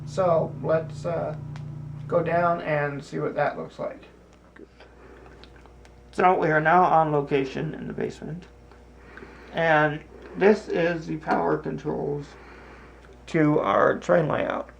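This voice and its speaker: A man with a slightly high, gravelly voice walks through a casual demonstration. His delivery is slow and deliberate, often broken into short halting phrases. Faint room noise sits behind him. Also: lo-fi sound. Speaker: host demonstrating a hobby. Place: home basement, indoors. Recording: clear background noise, room ambience.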